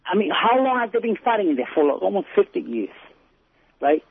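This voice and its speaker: Man, radio caller, high husky voice, rambling, argumentative, tinny phone line. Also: big pitch swings, a little fast, no echo. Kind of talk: call-in radio talk.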